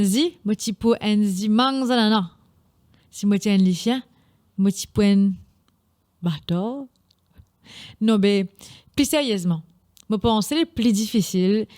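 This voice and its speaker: A woman's voice: medium pitch, measured pace, long pauses, darkish tone. A young woman with a Mauritian Creole accent hosting a casual solo podcast, chatty and often slipping in English phrases. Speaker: podcast host.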